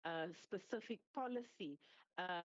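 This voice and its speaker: A woman's voice: on the low side, dry recording. A woman, a treasury department head, giving a hesitant formal briefing over a remote call whose audio keeps breaking up. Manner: hesitant, many filled pauses. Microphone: video call. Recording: dull, breaking-up online call line.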